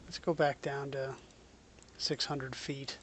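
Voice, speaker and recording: A man's voice: mid-range voice, flat delivery, slow, background noise. A man streaming a game, giving casual commentary mixed with spoken commands.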